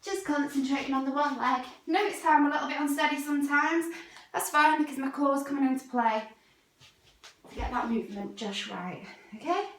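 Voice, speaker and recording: A woman's voice: high-pitched, fairly quick. A young woman, a fitness instructor, talking casually through a workout vlog, upbeat and chatty, at times out of breath.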